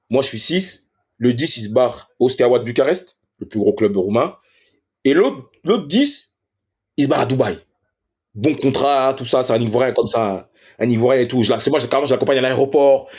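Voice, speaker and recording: A man with a husky, slightly breathy voice tells a story in a casual interview, sprinkling in street slang. He is animated and jumps into higher, louder voices to act out the people in his story. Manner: animated, acts out others in raised voices. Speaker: professional footballer, interview guest.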